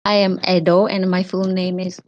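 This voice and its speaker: A woman's voice: lowish voice, completely flat delivery, moderate pace, a little mellow, highs cut off, slight background noise. A young woman from Myanmar introducing herself hesitantly and correcting herself as she goes. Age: young adult.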